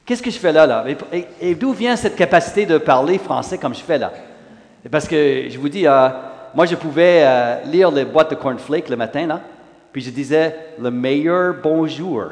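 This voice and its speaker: A man in his sixties from Western Canada, a pastor whose first language is English, giving an animated sermon testimony full of "là" fillers. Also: a little high, normal speed. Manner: animated, rising in emphasis, frequent "là" fillers. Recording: long hall reverb.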